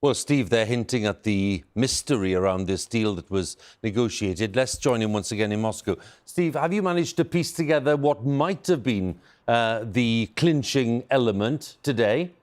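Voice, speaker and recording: A man's voice: mid-range voice, animated, normal speed, hardly any pauses, darkish tone. A man presenting the news as a studio anchor, handing over to correspondents.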